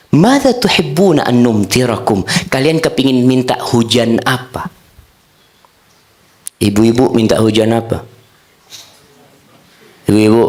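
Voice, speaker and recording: A man preaching a storytelling sermon, acting out the dialogue in sudden high and low voices. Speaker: Islamic preacher.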